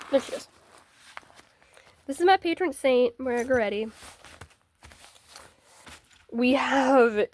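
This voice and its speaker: A teenage girl with a congested, stuffy voice, chatting casually to the camera while packing for a trip. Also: fairly high pitch. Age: teens. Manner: chatty, bubbly, self-deprecating asides. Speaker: vlogger.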